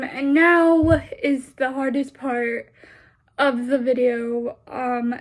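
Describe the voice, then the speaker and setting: A young woman vlogging casually, rambling in a halting way with many fillers and restarts. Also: sits high. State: sleepy, just woke up. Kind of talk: casual personal vlog.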